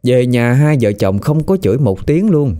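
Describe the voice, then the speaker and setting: A man with a Southern Vietnamese accent telling a story in casual spoken style, colloquial and lively, rising at tense moments. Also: mid-range voice, moderate pace.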